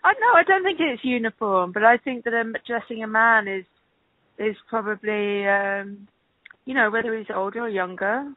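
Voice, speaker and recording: Her fairly high voice is animated and at normal speed, with no room sound, over a tinny, band-limited phone line. The woman, a casting director interviewed by telephone, answers questions hesitantly and conversationally, thinking aloud as she goes.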